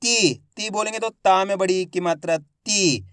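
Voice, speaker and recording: A man teaching Hindi reading in a slow phonics lesson, sounding out each syllable and then blending it into the word, asking the viewer questions and answering them himself. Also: high-pitched, a bit bright, smooth, dry recording, clean studio sound.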